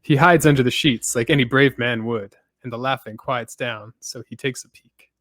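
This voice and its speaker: Male podcast host, casual recapper with deadpan asides, dry close sound. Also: mid-range voice, normal speed, no room sound. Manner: steady storytelling with dry asides.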